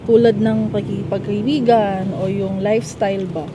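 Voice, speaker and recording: A woman's voice: medium pitch, flat delivery, normal speed. A Filipino woman co-hosting a casual mukbang chat and asking questions. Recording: clearly noisy background hum and traffic.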